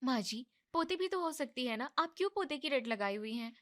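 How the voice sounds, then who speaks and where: A woman voicing an irritable young daughter-in-law in a cartoon family drama, complaining and pushing back. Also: lively intonation. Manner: high, complaining and quick.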